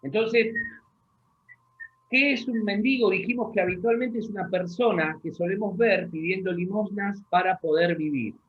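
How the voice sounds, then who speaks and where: A man preaching a sermon, reading scripture slowly with pauses and asking the congregation questions. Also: high voice, muffled recording, slight background noise. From Argentina. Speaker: pastor. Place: church hall.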